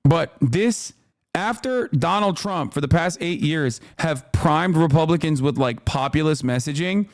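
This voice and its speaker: A man's voice: fairly high pitch, animated, unhurried, dry recording, studio quality. A man live-streaming political reaction commentary, talking in a profane, emphatic way and often tagging "okay?" onto his points.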